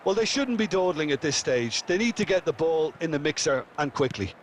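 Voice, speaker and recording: Assured high-voiced male football pundit, played by an actor. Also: expressive, brisk, slight background noise, lightly acted. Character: opinionated male football pundit beside the main commentator. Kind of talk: scripted video game sports analysis.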